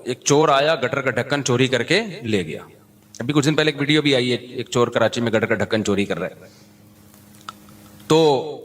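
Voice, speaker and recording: A man's voice: medium pitch, fairly bright tone. A man giving a religious lecture, reciting verses in a chanted cadence and then explaining them in a casual, joking manner with everyday examples. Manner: conversational, teasing asides, everyday examples. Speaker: Islamic preacher.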